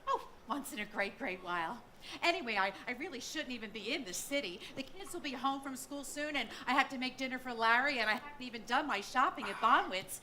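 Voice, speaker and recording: An actress playing a nervous, flustered suburban housewife in a stage play. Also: female voice, sits high, lively intonation, fairly quick, pushed and bright, a little hiss or hum. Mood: fretful. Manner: flustered, breathless, fretful. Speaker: actor.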